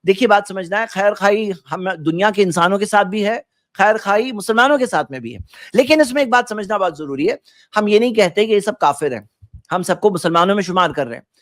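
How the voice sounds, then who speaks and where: High-voiced man preaching with rhetorical questions. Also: expressive, fairly bright tone, no room sound, clean studio sound. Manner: explains with rhetorical questions, quotes Arabic then translates. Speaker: Islamic preacher. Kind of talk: religious talk.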